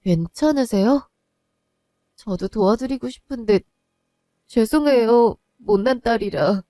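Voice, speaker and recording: In a one-voice audio drama, a woman plays a distraught young wife and daughter who pleads and then rises into anguished cries. Her voice is on the high side, warm, and slow. The recording is dry with clean studio sound.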